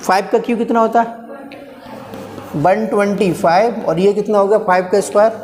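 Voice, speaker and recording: A man's voice: high voice, steady tone, a little fast, darkish tone. A male physics teacher lecturing a live class, coaxing and teasing his students as he talks through each step aloud. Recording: reverberant classroom, faint background noise.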